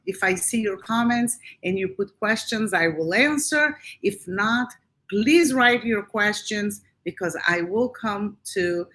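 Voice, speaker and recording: A woman's voice: fairly low pitch, a bit bright. A woman hosting a live-streamed interview show over a video call, effusive and given to repeating herself. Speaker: host.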